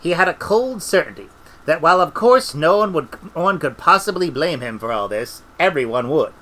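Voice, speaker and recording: A middle-aged man reading a comic novel aloud with lively, expressive storytelling. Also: fairly high pitch, brisk, low-quality recording. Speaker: audiobook reader.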